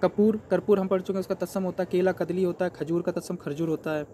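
A man with a high, mellow voice takes learners through an exam paper as their tutor. He asks each question out loud and then answers it himself, step by step. A faint hiss of noise sits under the recording. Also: steady tone, fast.

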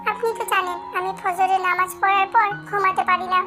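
A woman voicing a timid young widow, soft and fearful. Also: very high voice, little pitch movement, a little fast, faint music behind. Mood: anxious.

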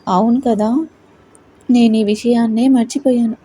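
A woman reads as a gentle young wife in a storybook tale, thoughtful and respectful toward her elders. She reasons things out aloud in a high, very mellow voice. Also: steady tone, moderate pace, slightly rough. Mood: earnest.

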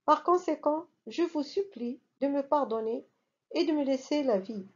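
A woman's voice: high voice, normal speed, darkish tone, muffled recording, close to an everyday voice. A woman voicing a frightened male merchant who pleads for his life in a trembling manner. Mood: pleading.

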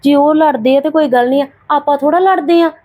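Lady playing a tired put-upon aunt, kinda mellow and a bit high, weary and confiding. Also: brisk, natural voice. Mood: complaining. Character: sickly, put-upon young aunt, gentle and complaining. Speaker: actor in a family drama. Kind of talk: amateur drama acting.

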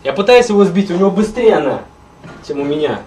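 A man's voice: sits high, big pitch swings, fast, a little hiss or hum. A man giving casual, grumbling, exasperated commentary while he streams a video game. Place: indoors, in front of a TV. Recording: distant mic, loud game audio. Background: loud game music and sounds.

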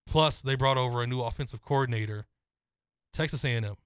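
A young man talks college football picks in a steady, confident flow, laying out detail after detail. His voice is smooth and clear, recorded close and dry with no room sound. He sounds at an everyday middle pitch. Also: fast talker, dry recording. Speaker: co-host. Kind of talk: casual sports chat.

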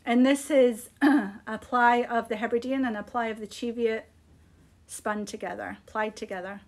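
Unhurried and steady in tone, with a fairly high pitch, a Scottish woman of middle age chats her way through products on a live shopping stream. Her talk is casual, unscripted and appreciative, recorded in a small room on a phone at arm's length.

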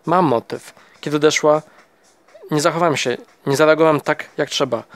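A man reading a novel aloud, voicing an angry, distraught young husband accused of his wife's murder, pitched up and pressing hard. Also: fairly quick, lightly acted. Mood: bitter. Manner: heated, raised and pressing. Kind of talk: audiobook character voice.

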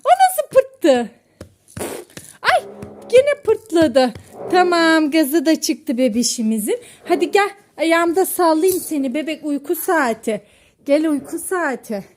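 A woman's voice: high voice, big pitch swings, slow pace, a little mellow, a little hiss or hum. A woman hosting a comedy video, cooing in sing-song baby talk as she looks after a pretend baby for the camera. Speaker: host caring for a pretend baby.

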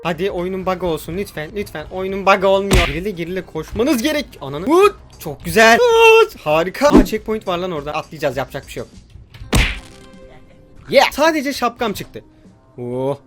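A young man giving excited let's-play commentary, joking, yelping and cursing at the game as he plays. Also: high voice, normal speed, loud music behind the voice. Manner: loud, jokey, yelps and curses at the game. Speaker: gaming YouTuber.

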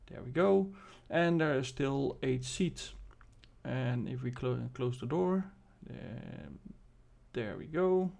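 A man giving casual commentary as host of a game showcase, halting and thinking aloud as he demonstrates. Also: mid-range voice, expressive, creaky, darkish tone. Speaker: video host presenting a game spaceship.

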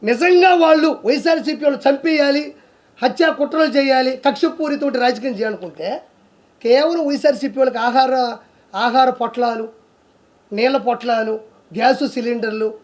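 A man with a very high voice delivers heated political commentary. He talks aggressively and accusingly, hammering his point with one rhetorical question after another. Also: fairly quick.

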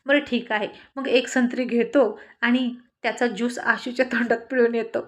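A mischievous grown husband full of cheeky jokes, read by a woman narrator, his voice pitched a little high. He speaks in quick banter, as if leaning in with a grin, in a spoken storybook. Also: fairly even intonation, natural voice. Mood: teasing. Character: playful teasing husband, grown man.

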